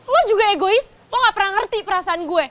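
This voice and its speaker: A woman's voice: very high-pitched, fast, sharp tone. An actress playing a spoiled, scheming young woman in a TV soap, bratty and sprinkling in English phrases. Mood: spiteful. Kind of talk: TV soap acting.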